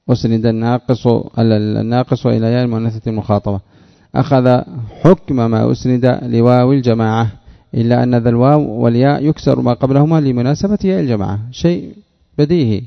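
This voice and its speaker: Gravelly man teaching grammar, lo-fi. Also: mid-range voice. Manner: asks questions and answers them himself; repeats words slowly for emphasis. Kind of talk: Arabic grammar lesson explaining a text. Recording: dull lo-fi recording.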